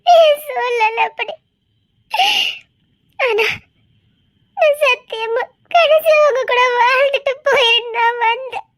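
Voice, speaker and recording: A woman's voice: extremely high pitch, slow, pauses often, fairly bright tone, heavily acted. A woman voicing a tearful young woman who is torn between her love and a forced mission. She weeps and pleads. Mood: desperate confession. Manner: weeping, pleading, laughing through tears. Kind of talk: audio drama acting.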